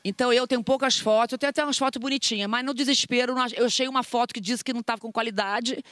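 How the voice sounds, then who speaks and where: A woman's voice: on the high side, steady tone, racing, fairly bright tone, no room sound. A woman on a chat panel, rambling through her stories and talking over the others.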